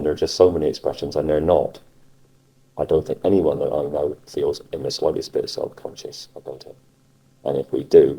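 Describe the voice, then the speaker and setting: A man from Cornwall with a Cornish West Country accent, chatting casually in a halting way and repeating phrases for emphasis. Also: a bass voice, vocal fry, warm tone, breathy edge. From Cornwall, England. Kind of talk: casual conversation about dialect. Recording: muffled cassette recording.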